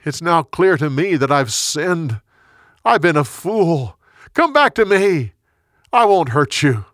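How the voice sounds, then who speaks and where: A man's voice: on the high side, very animated, takes it slowly, a bit bright, dry recording, clean studio sound, voice pushed up, exaggerated voice. A man voicing a remorseful, fatherly older king who declaims with emotion in a told story.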